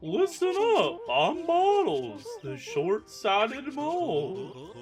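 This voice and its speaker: Bookish mole guy for a game let's play, slow and lilting, a woman puts him on. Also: a little high, huge pitch swings, over music, pitched above the performer's own voice, exaggerated voice. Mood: instructive. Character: short-sighted know-it-all male mole.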